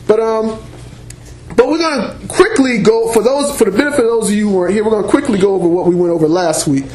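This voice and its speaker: Standing before a congregation in a church meeting room, a man with a high voice preaches the Bible at a quick pace, loud and emphatic, with call-and-response shouts of praise and amen. No microphone is used; a room mic captures the echoey sound along with slight background noise.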